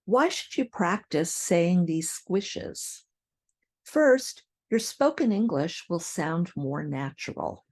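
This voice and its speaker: Slow, careful American woman teaching. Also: fairly low pitch, sing-song. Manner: models example sentences, repeating drills. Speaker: English teacher. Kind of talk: slow, clear pronunciation lesson.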